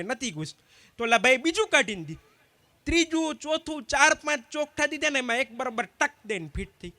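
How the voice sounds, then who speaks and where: A man telling stand-up jokes to a community gathering, swapping quickly between the sides of each dialogue. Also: high voice, sharp tone, no echo. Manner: quick anecdotal storytelling, acting out both sides of each exchange. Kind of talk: live stand-up joke telling.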